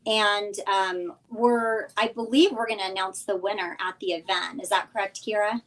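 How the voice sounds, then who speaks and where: A woman's voice: medium pitch, fairly even intonation, moderate pace, fairly bright tone, poor audio. A woman speaking informally as a guest coach on a livestream, explaining details and encouraging listeners to act. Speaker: business coach, guest sponsor. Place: remote live video stream.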